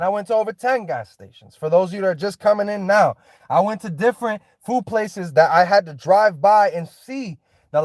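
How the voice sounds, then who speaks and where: A man's voice: high-pitched, darkish tone, no room sound, clean studio sound. A man in an unscripted vlog, ranting with passion and a preachy tone, repeating and restarting as he goes. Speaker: vlogger. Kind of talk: unscripted driving vlog monologue. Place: inside a car.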